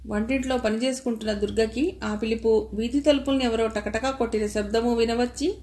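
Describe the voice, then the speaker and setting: A woman's voice: fairly high pitch, steady tone, fairly quick, a little mellow. A woman narrating a novel as an audiobook reader, voicing the characters' dialogue in her own voice without much acting.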